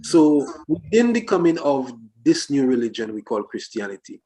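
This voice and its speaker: Guy on a panel talking philosophy, medium pitch, deliberate, phrase by phrase. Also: sing-song, dark tone, low-quality recording. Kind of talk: philosophical reasoning in a discussion.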